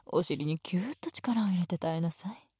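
A woman voicing a teasing, domineering female teacher in a whispered roleplay, speaking in a soft, breathy, bossy way. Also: lowish voice, expressive, normal speed, no room sound, clean studio sound. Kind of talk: erotic ASMR roleplay.

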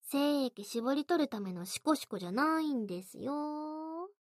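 A woman voicing a bratty, domineering young woman in an audio role-play, talking in rough slang and counting out a rhythm. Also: high voice, expressive, measured pace, no echo. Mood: teasing.

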